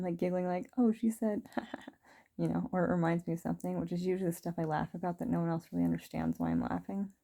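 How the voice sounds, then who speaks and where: A woman in her thirties talking through her feelings in a rambling, reflective video diary, full of fillers and soft laughs. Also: lowish voice, vocal fry. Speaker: vlogger. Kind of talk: reflective personal diary talk.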